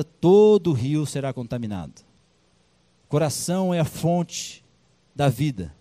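Male preacher, high voice, conversational, slangy, sermon. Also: mellow. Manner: conversational, retells scripture with casual slang.

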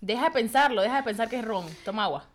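A woman's voice: a little high, fast. A young woman co-hosting a casual podcast drinking game, teasing and pushy, full of slang. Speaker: podcast co-host.

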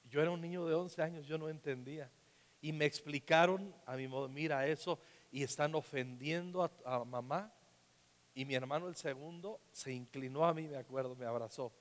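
A man with a Mexican Spanish accent preaches a sermon as pastor, with a fairly high voice. He tells a personal story and often sinks to a soft, hushed tone. His voice carries a long reverb, as in a large hall. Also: normal speed.

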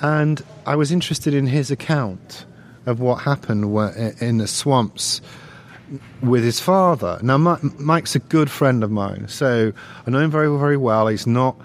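A man's voice: mid-range voice, unhurried. A man, a guest on an interview show, telling long stories with many restarts and easy laughs. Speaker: guest, researcher. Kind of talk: casual interview chat.

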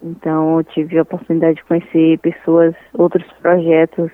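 A young woman, a scientist and entrepreneur answering interview questions in an earnest, measured way, often pausing to restart her phrases. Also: low voice, monotone. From Salvador, Brazil. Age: 20s. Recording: thin, dry, phone-like line.

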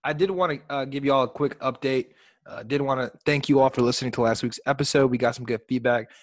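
A man's voice: medium pitch, steady tone, quick pace, no echo. Young male co-host, Chicago accent, easygoing and profane, dry close recording. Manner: loose, swears casually, many fillers. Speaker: podcast co-host. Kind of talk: casual chat.

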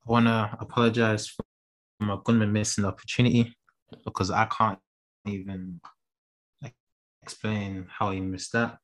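Male football pundit, lowish pitch, London roadman accent, slangy and repetitive, casual chat. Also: little pitch movement, normal speed, pauses often, rough recording.

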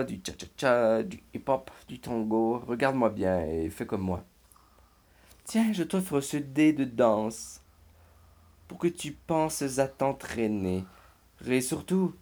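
A man's voice: medium pitch, darkish tone. Cheery little girl giving advice, done by a man in a bedtime book. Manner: reassuring, upbeat. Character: kind, confident little girl helper.

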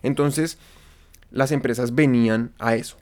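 A man's voice: medium pitch, steady tone, unhurried, darkish tone. A Colombian man chats casually as an interview guest, in a mid-range voice. His talk is full of slang and curses. He often explains things by acting out what people said. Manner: slangy, profane, acts out quoted dialogue. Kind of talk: casual conversational storytelling.

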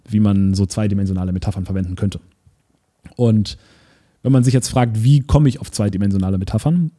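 A man co-hosting a podcast, talking casually and animatedly, often restarting words and mixing in English terms. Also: fairly low pitch. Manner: animated, self-correcting, mixes English words. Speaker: podcast co-host.

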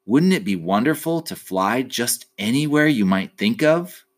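A man's voice: medium pitch, lively intonation, a little slow, pitched above the performer's own voice. A man voicing a kind, eager little boy in a storybook, speaking earnestly. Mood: eager, wishful.

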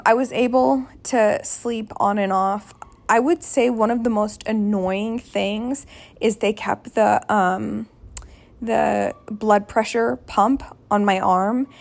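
Creaky-voiced woman telling a candid story. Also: a little high. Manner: candid, chatty, rambling with restarts. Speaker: podcast host. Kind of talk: casual personal storytelling.

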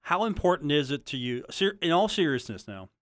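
A man's voice: fairly high pitch, big pitch swings, brisk, no room sound, clean studio sound. A man hosting a sports radio show, bantering in a joking way with lots of stammered restarts.

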